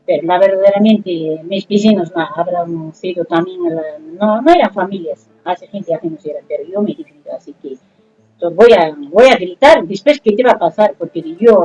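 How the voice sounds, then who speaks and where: A woman with a husky, dark, lowish voice speaks in broken, hesitant phrases. The recording sounds dull and lo-fi, with faint music underneath. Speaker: interviewee. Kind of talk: personal testimony interview.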